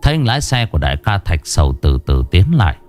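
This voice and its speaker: Expressive male storyteller, faint music. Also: low voice, fast talker. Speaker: narrator. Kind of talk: horror story narration.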